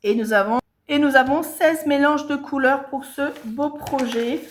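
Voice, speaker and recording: A woman's voice: high voice, unhurried, a little hiss or hum. A woman chatting casually to her viewers about her stitching projects, with many hesitations and self-corrections. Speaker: cross-stitch vlogger. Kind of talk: casual show-and-tell chat.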